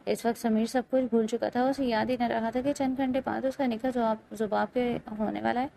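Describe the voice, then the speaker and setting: A woman reads a novel aloud in steady, dramatic audiobook narration. Her voice is fairly high yet mellow and dark in tone, with a gravelly fry running through it and faint noise behind. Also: poor audio.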